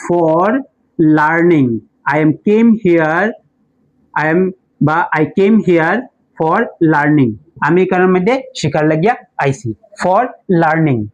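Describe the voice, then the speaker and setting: A man's voice: fairly high pitch, very slow, highs cut off. A man with a Sylheti Bengali accent teaching English patiently. He asks questions and answers them himself, and spells words out letter by letter. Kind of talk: classroom-style lesson explanation.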